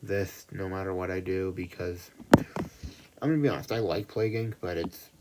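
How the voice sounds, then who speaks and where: A man's voice: low voice, steady tone, moderate pace. A young man chatting casually to himself on a livestream, rambling and self-deprecating. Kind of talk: casual solo stream chatter. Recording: loud background noise.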